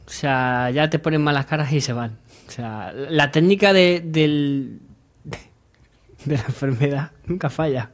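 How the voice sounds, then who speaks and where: Young guy on a desk mic in a little radio studio, jokey and animated, acts out voices. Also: a little high, measured pace. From Madrid, Spain. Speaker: humor segment contributor. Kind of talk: comedic radio chat. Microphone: desk mic on stand.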